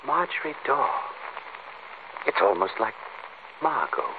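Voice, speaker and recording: A man's voice: very animated, takes it slowly. An actor playing a deranged male doctor who is secretly a killer, in a sing-song, gloating 1940s radio acting style, heard as an old radio show broadcast. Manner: sing-song, gloating, turns shrill and frantic. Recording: tinny scratchy 1940s radio broadcast, faint hiss.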